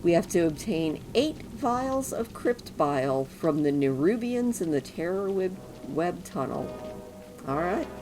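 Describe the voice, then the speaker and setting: Low-pitched woman chatting through gameplay. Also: sing-song, a little slow, over music, low-quality recording. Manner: informal, chatty, anecdotal. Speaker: gaming guide host. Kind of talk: casual gameplay commentary.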